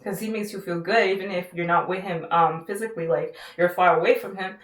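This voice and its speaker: A woman's voice: fairly low pitch, steady tone, fairly quick, far from the mic. A woman giving casual dating advice in a rambling, filler-heavy way, acting out quoted lines as she goes. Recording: echoey room, mic set back.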